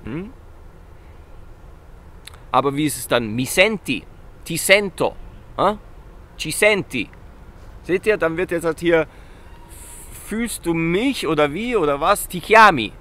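A man teaching basic Italian in a casual video lesson, lively, asking questions and repeating words slowly and loudly. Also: fairly high pitch.

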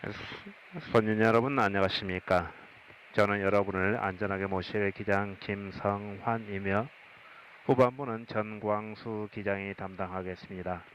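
A man's voice: lowish voice, steady tone, fairly bright tone, poor audio. A man with a Korean accent, an airline captain giving a formal scripted in-flight announcement. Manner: formal, measured phrasing. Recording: hissy aircraft PA.

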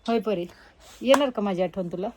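A woman's voice: mid-range voice, fairly quick, dark tone, a little hiss or hum. A young woman, chatting casually in a family vlog and teasing the kids. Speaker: vlogger.

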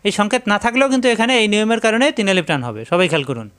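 A man teaching Quran recitation rules step by step. He explains each rule over and over and then chants the words in long, drawn-out tones. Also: high voice, very animated, a bit bright, clear, resonant tone. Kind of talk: tajweed lesson, explaining and demonstrating recitation.

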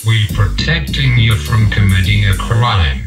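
A man voicing an ominous future police announcer in a disguised, deep, processed voice, delivering slow, menacing pronouncements. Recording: echoey mix under loud music.

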